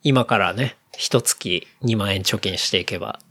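A man's voice: on the low side, a little slow, bright, forceful tone. A young man casually explaining a news story to a friend, with many fillers. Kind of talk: casual chat.

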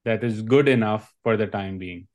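A man's voice: fairly low pitch, moderate pace. A man making a point in a casual analytical conversation.

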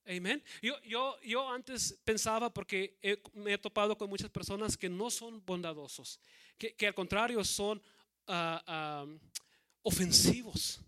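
A man pastor preaching a sermon, slowing to stress key words, often saying amen and repeating words. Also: high voice, pushed and bright.

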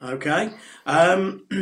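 Guy on a hockey podcast telling a story, slightly higher voice, runs the chat. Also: drawn-out words. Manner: animated anecdote teller, leads the discussion. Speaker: podcast co-host. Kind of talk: casual sports chat.

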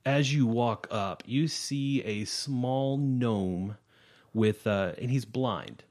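A man narrating as game master in a relaxed, descriptive way. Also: medium pitch, slow. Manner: relaxed, descriptive, with small fillers.

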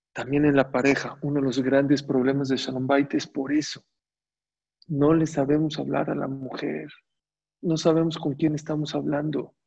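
Gravelly man giving an emphatic Torah lecture. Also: medium pitch, darkish tone. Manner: asks the audience rhetorical questions; emphatic, repeats phrases for stress. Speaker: Torah teacher. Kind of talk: religious lecture to an audience. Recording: dull, slightly muffled recording.

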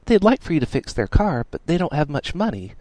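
A man voicing a sweet, cheerful girl who speaks in a gentle, coaxing way. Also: fairly high pitch, sing-song, brisk, no echo, pitched above the performer's own voice.

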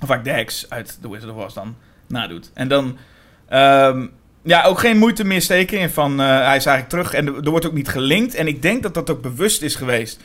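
A man co-hosting a podcast, talking casually about horror films in quick, animated bursts with many fillers. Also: mid-range voice. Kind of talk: casual film discussion.

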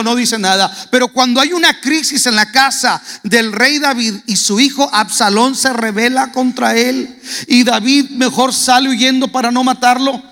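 High-voiced preacher in an echoing hall. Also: male voice, sharp tone. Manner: dramatic storytelling, acts out characters' lines. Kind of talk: sermon. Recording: echoey hall reverb.

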